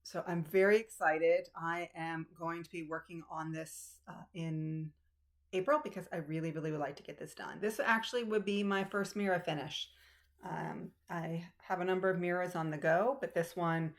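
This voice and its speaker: A woman with a lowish voice and fairly even intonation chats at a moderate pace about her cross stitch, rambling with restarts and ums. She films herself in a room at home using only her tablet's built-in mic.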